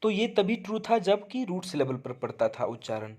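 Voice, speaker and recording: A young adult man teaching a lesson, reading English lines slowly and then explaining each one, asking and answering his own questions. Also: sits high, sing-song, darkish tone. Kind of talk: bilingual lecture explaining a text.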